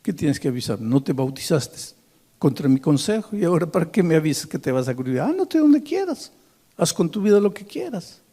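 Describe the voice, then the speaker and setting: A man voicing an angry, grieving father who shouts bitterly and then pleads brokenly. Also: a little high, measured pace, breathy edge. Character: grieving enraged father, middle-aged man.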